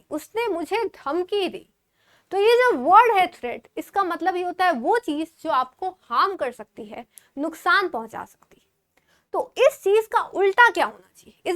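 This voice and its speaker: A woman teaches an exam-prep lesson in a very high voice. She poses questions and answers them herself, fondly calling her students babu. She mixes English words into her explanations. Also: a bit bright. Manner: affectionately calls students babu.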